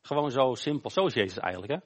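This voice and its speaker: A male pastor gives an informal sermon during a church service. He tells a Bible story conversationally, often pausing on "eh". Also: mid-range voice, animated. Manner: informal, storytelling, with frequent hesitations.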